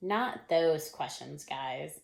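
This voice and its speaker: A woman's voice: deep voice, lively intonation, extremely slow, vocal fry, heavily acted. Cheerful teacher, as a woman reads her aloud. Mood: upbeat. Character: cheerful adult female homeroom teacher.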